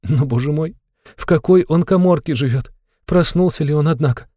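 A man's voice: a little high, mellow, no echo, studio quality, voice pushed up, lightly acted. Man voicing a flustered tearful old mother. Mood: anxious. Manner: breathless, rushed, exclamatory. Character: anxious fussy aging mother, tearful and flustered.

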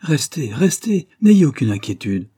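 A man's voice: on the high side, big pitch swings, unhurried, breathy edge, pitched above the performer's own voice, full character voice. Man doing a hearty, brusque count. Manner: loud, hearty calls. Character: hearty nobleman husband, brusque and jovial.

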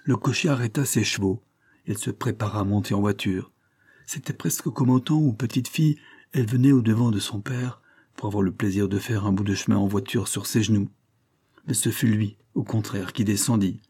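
A man reading a classic novel aloud as an audiobook narrator, in a steady, measured way. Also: fairly low pitch, slightly rough. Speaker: audiobook reader. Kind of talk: scripted literary narration.

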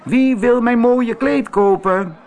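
Casting: man doing a simple, blunt boy, loud and eager, high and lively. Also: unhurried, full character voice. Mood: calling out.

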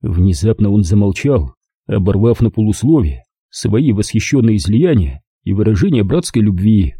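A man with a very dark, husky voice reading a crime thriller with lively, shifting intonation. The recording is close and dry, with no room sound. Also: fairly low pitch, moderate pace, no room sound. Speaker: audiobook narrator. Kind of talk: dramatic scripted narration.

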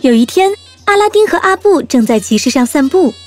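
A woman storyteller narrating a scripted children's story in an expressive way. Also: high voice, brisk, soft background music.

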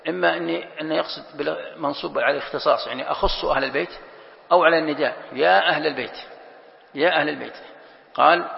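A man's voice: on the high side, vocal fry. A man teaching Quran exegesis to a class, explaining a text line by line, stretching out quoted passages for emphasis and putting questions to his students. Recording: muffled lo-fi recording in a reverberant hall.

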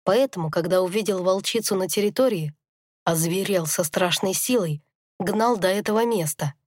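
A grave, remorseful old werewolf grandfather from a fantasy audiobook, as a woman reader lowers her voice for him. He speaks in a dry, close voice at a measured, confessional pace. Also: darkish tone, no room sound, close to an everyday voice.

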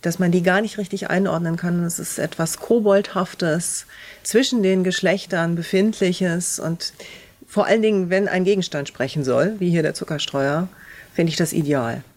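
A woman's voice: lowish voice, moderate pace, darkish tone. A woman speaking as a radio drama author in an interview, explaining her choices in a considered way.

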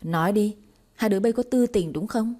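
A woman voicing a harsh, abusive older mother-in-law who scolds in a shrill, rapid-fire way, in an audiobook reading. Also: dark tone, lightly acted. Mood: scolding.

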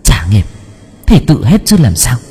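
A man's voice: mid-range voice, huge pitch swings, unhurried, warm tone, breathy edge, long reverb tail, exaggerated voice. A man voicing a stern possessed spirit medium who scolds and lectures the people who come to ask questions, in an audiobook. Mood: stern scolding. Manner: scolding, commanding. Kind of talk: audiobook character voice.

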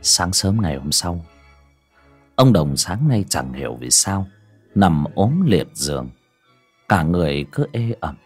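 A man narrates a village ghost tale. His voice is fairly low but very animated, with wide swings in pitch. His delivery is theatrical and lively. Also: unhurried, pauses often, slightly rough, faint music behind. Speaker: storyteller. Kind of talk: dramatic ghost story narration.

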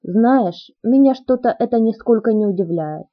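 A woman voicing a brooding, soft-spoken teenage boy in an audiobook, speaking in hushed, measured tones. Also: on the high side, animated, highs cut off.

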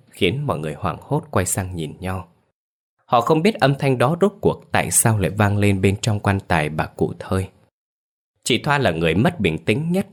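A man reading a ghost story aloud in a steady, measured storytelling voice. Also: on the low side. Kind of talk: scripted ghost story narration.

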